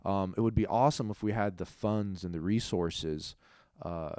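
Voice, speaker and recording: A young man co-hosting a casual faith podcast, talking in animated bursts and laughing often. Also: low voice, moderate pace, clean tone, no echo, clean studio sound. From Ukraine. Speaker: podcast co-host. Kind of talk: casual chat.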